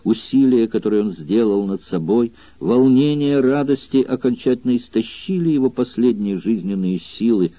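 A man narrates a historical novel at a steady, dramatic pace, his voice mid-pitched. The recording is dry and close, with a slightly dull, lo-fi tone. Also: moderate pace, few pauses, dry recording. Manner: steady, dramatic literary reading. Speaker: audiobook reader. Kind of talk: scripted narration.

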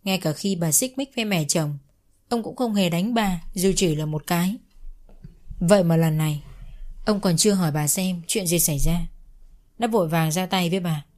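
A woman's voice: lowish voice, moderate pace, darkish tone. A woman telling a family drama story in the first person as scripted narration.

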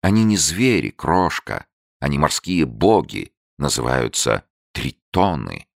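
A man reading an audiobook and voicing a brash young man who shows off his courage, bold and chivalrous, sharp when challenged. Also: a bass voice, very animated, measured pace, gravelly, no echo, clean studio sound, exaggerated voice. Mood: gallant.

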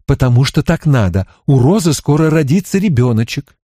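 A man's voice: mid-range voice, animated, a little fast, dark tone, dry recording, studio quality, natural voice. A man reading an audiobook, voicing a tired farm mother who soothes yet stays firm. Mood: soothing, firm.

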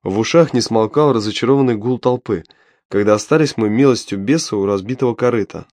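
A man's voice: lowish voice, fairly quick, darkish tone, no room sound, studio quality. A man narrating an audiobook in the first person, with a wry, ironic storytelling manner.

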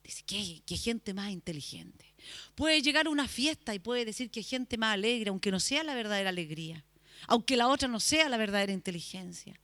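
A worship leader speaks to the congregation before singing, with a dry, close sound. The delivery drops to a near-whisper at times, then builds to loud, stirring calls. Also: mid-range voice, animated, a little fast, dry recording.

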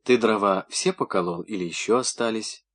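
A caring young woman fusses and coaxes in a soft, gentle voice, as a male audiobook reader puts her on. Her lines are read quietly within a storybook narration. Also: fairly low pitch, normal speed, slightly rough. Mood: coaxing.

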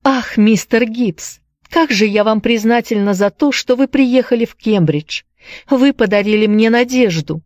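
A woman's voice: mid-range voice, expressive, moderate pace, dark tone, no room sound, studio quality, voice pushed up, close to an everyday voice. A woman reading a story aloud, voicing a desperate young woman in love who pleads in a tearful, breathless way. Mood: grateful.

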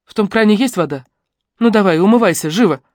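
A woman voicing a tall, stern grown woman who speaks brusquely and gives sharp commands. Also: mid-range voice, expressive, fast talker, no room sound, studio quality, pitched above the performer's own voice, lightly acted.

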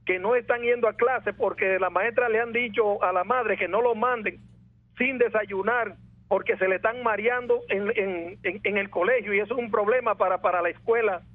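Calling in to a radio show over a dry, tinny phone line, a man with a Venezuelan accent earnestly lodges a neighborhood complaint. His voice sits high with fairly even intonation at a normal pace, and he keeps saying "oye" and "hermano."

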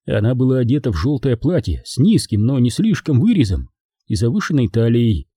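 A man reads an audiobook with an expressive, dramatic delivery and a lively pitch. His voice is dark and husky, and the recording is close and dry. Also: brisk, no room sound. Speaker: audiobook narrator. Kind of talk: audiobook narration.

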